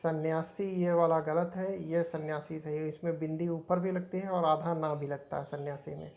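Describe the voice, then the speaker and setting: A woman's voice: low-pitched, steady tone, moderate pace, vocal fry, a little mellow, dull audio. A woman teaching an exam-prep spelling lesson, repeating each word as she points out right and wrong forms.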